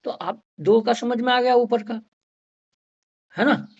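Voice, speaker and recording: A man's voice: very high voice, takes it slowly, vocal fry. A man lecturing a class on homeopathy, mixing in English and constantly checking whether his students follow. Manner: mixes English into explanations. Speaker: homeopathy teacher. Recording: dull lo-fi recording.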